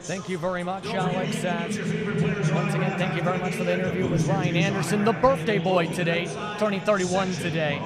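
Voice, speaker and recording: High-voiced male basketball broadcast host. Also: flat delivery, a little fast. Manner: wordy, stat-heavy recapping. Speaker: play-by-play host. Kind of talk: sports broadcast commentary. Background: arena music.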